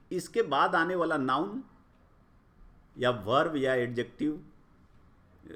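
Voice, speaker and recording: Male grammar tutor: measured, unhurried delivery, pitch swinging widely for emphasis. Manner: slow, deliberate, rising and falling emphasis. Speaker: grammar teacher. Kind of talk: explanatory lecture.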